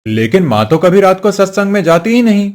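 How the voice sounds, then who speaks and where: A man's voice: high voice, big pitch swings, a little fast, darkish tone, slight background noise. A man voicing a grown son and husband in a storybook tale who is devoted to his mother and speaks firmly. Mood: stern. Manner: firm and demanding.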